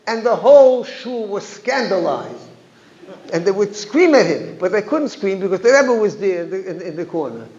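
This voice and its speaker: High-voiced rabbi telling a story in an echoey hall. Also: male voice, big pitch swings, normal speed, a little mellow. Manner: anecdotal, with frequent restarts and Yiddish phrases. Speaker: rabbi, guest speaker. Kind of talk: storytelling talk at a community gathering. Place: synagogue hall. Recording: echoey hall, dull lo-fi sound.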